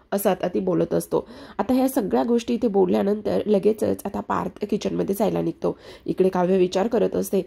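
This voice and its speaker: Husky, gravelly woman telling a story. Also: medium pitch, a little mellow. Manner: plain retelling that reads out every part herself. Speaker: serial recap narrator. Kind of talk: storytelling recap of a TV serial.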